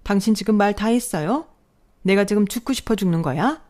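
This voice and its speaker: A woman voicing a spiteful, sharp-tongued older mother-in-law who scolds in a raised, shrill voice in a radio drama. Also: expressive, brisk, close to an everyday voice. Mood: indignant.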